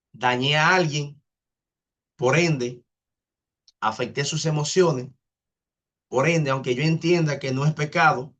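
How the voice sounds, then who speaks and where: A man's voice: mid-range voice, fairly bright tone. A man, teaching an online spiritual class in a casual way, answering viewers' comments earnestly and repeating words while he thinks.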